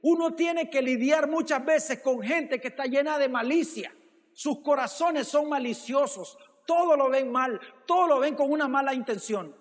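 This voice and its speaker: High-voiced male pastor preaching in a reverberant hall. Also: moderate pace. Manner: preaching with repeated "hermano" and rhetorical questions. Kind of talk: sermon. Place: church.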